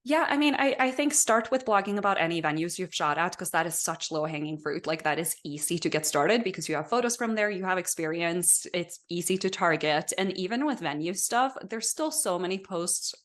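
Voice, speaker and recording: Chatty woman photographer, lower voice. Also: fairly quick, hardly any pauses, a bit bright. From Norway. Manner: chatty, many fillers like "like" and "you know". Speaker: guest, elopement photographer. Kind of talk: casual podcast interview.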